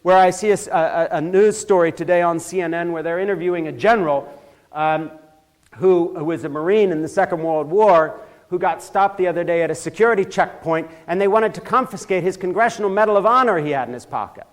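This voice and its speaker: Speaking in a church, an older Swiss man lectures with passion in a fairly high voice. Measured at first, he escalates into heated, forceful emphasis, stumbling over phrases and beginning them again.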